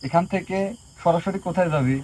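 A man's voice: on the high side, brisk, dark tone. A man working as a folk healer, interrogating a spirit in a stern, commanding and threatening way, in a noisy recording. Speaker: folk healer conducting an exorcism. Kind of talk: possession session.

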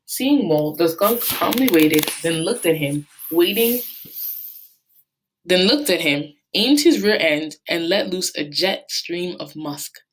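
Low-voiced woman reading aloud. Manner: steady reading with small slips. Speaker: teacher. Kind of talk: reading a novel aloud to students.

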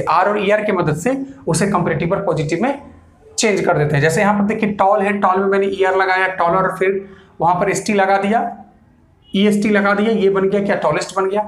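A man's voice: sits high, fairly quick. A male English grammar teacher giving a classroom lecture, explaining step by step, repeating points and answering his own questions. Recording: echoey room.

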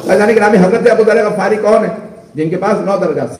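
A male cleric delivering an impassioned religious sermon in a crowded mosque, questioning the congregation directly and building to shouted emphasis. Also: sits high, a little fast, slight background noise. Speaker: Shia cleric preaching at a majlis. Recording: echoey mosque from a distance.

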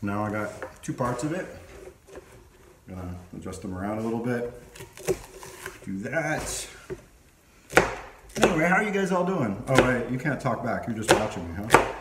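A man's voice: medium pitch, expressive, moderate pace, long pauses. A man in his forties hosting a casual home cooking vlog, chatting playfully to the camera while he chops vegetables in his kitchen. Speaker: cooking show host. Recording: echoey kitchen with clear background noise.

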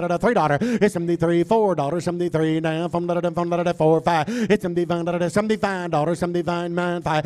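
A man's voice: high voice, darkish tone, smooth. A man calling a cattle auction, rolling filler syllables between bids. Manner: rapid rhythmic filler-word chant. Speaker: livestock auctioneer. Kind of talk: fast auction chant.

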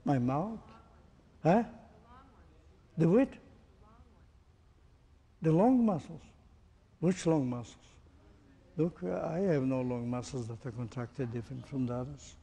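A man's voice: medium pitch, lively intonation, slow, gravelly, pauses often, dark tone, husky, big-room sound. A man teaching a group, asking pointed questions and demonstrating with his own body. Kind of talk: interactive lecture to a group.

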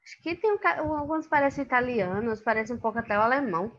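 A woman's voice: on the high side, expressive, fast, a bit bright, dull audio. A woman with a Brazilian Portuguese accent, teaching a Spanish class online in an informal way, with many fillers.

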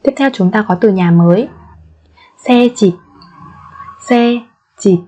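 A woman's voice: mid-range voice, expressive, mellow, slightly rough. Patient woman teacher drilling vocabulary. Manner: patient, repeats each word slowly several times. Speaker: language teacher. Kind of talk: vocabulary lesson with repetition drills. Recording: muffled lo-fi recording.

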